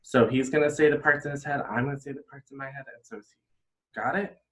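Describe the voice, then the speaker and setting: A man, an elementary school teacher, giving a playful, animated video lesson to young children. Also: medium pitch, fast talker. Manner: animated, upbeat, playfully exaggerated.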